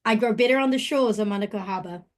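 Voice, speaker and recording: A woman originally from Malaysia giving a webinar presentation over a video call, relaxed and full of fillers. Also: mid-range voice, fast talker. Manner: relaxed, many fillers, mixes in te reo Māori phrases. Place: home in Auckland.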